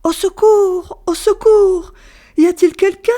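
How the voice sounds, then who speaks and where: A woman's voice: extremely high pitch, steady tone, slow pace, warm tone, pitched above the performer's own voice. A woman voicing a desperate young mother who cries and begs for help. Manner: shrieking, sobbing pleas. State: crying.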